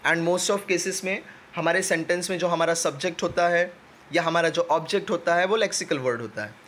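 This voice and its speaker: A man teaches an exam-prep lesson in a fairly high voice. He explains step by step and slows down to read definitions word by word. A faint hiss sits under the recording. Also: a bit bright. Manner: explains step by step, reads English definitions slowly.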